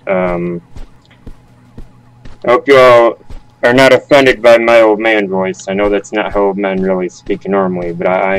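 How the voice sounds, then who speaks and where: A man's voice: on the low side, poor audio. Chill guy chatting over his gameplay, amused and easygoing. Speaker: gaming video host. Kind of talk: casual game commentary.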